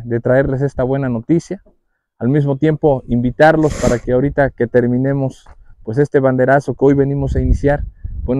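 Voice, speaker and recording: On a rural dirt road outdoors, a municipal president in his thirties gives a public speech with a Mexican Spanish accent and plenty of filler words. His medium-pitched voice has a dark tone, and the lapel mic yields a dry recording.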